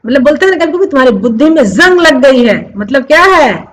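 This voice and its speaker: A woman teaching a Hindi lesson, explaining slowly and repeating each word many times while asking the viewers questions. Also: high voice, very animated, poor audio. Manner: addresses viewers as friends, asks questions. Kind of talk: classroom-style lesson.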